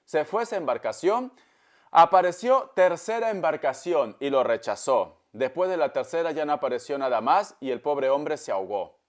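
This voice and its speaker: Man, tarot reader, higher-pitched voice, affectionate, sermon-like storytelling. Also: expressive, moderate pace. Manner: calls the listener "darling" often, preachy storytelling; religious, invokes God often. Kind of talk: tarot reading monologue to camera.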